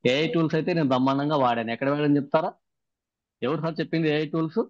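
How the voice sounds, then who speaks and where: A workshop trainer races through a recap of the sessions on a video call, repeatedly questioning the participants. His voice is a little high. The audio is dry and muffled, with no room sound.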